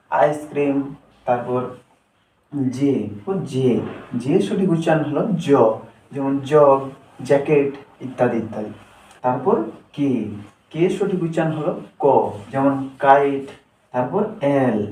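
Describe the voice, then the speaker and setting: A man teaching children a lesson, speaking slowly and deliberately. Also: medium pitch, dark tone. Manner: slow and deliberate, letter by letter. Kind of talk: slow, step-by-step lesson. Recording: echoey room, distant from the mic.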